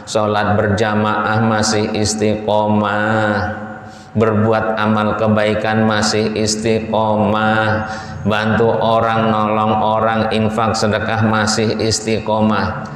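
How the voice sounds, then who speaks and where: A man giving a casual Quran commentary lesson in a mosque, colloquial and animated, often slowing to list things one by one. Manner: colloquial, animated, acts out Satan's pleading in a high voice, slows to list items. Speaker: ustadz teaching Quran commentary. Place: mosque hall. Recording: echoey mosque hall, distant mic, faint hum.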